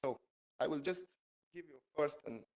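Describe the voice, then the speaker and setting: A man, a PhD student, giving an online seminar talk over a video call, halting with many fillers and non-native phrasing. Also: fairly high pitch, darkish tone, poor audio.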